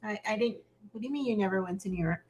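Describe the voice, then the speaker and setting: A woman's voice: mid-range voice, very fast, a little mellow. Chatty woman co-hosting a live stream. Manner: laughs easily, chatty. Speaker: co-host. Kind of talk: casual live-stream chat.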